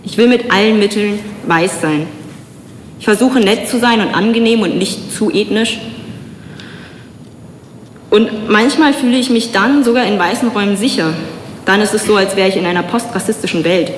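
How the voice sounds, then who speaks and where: A young woman from Germany giving a public talk, telling personal stories in an earnest, measured way with slow, emphatic pauses. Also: medium pitch, slight background noise. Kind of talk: personal spoken-word speech. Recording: echoey hall with long reverb.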